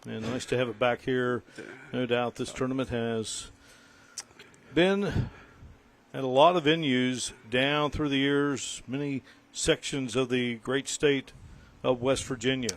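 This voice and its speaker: Man, golf commentator, very slow pace, measured announcing, deliberate phrasing, mid-range pitch. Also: fairly even intonation.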